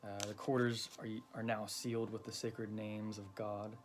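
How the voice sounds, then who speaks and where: A man explaining a ritual step by step in a loose, halting way, with many ums and you-knows. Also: lowish voice, level tone. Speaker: occult teacher. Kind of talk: casual explanatory lesson.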